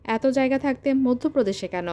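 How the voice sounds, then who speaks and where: A woman voicing a curious young schoolteacher who asks gently prying questions in an audio story. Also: sits high, fairly quick, faint music behind, close to an everyday voice.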